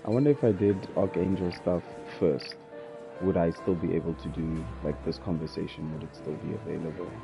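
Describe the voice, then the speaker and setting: Gravelly man joking over gameplay. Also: sits low, steady tone, brisk. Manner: offhand, joking. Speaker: gamer. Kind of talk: casual gameplay commentary. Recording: dull lo-fi mic over game music.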